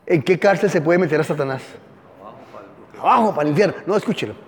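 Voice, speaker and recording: A man's voice: fairly high pitch, animated, fast, in a large hall, a little hiss or hum. A male pastor giving an interactive teaching sermon, sarcastic and playful, quizzing listeners by name with questions.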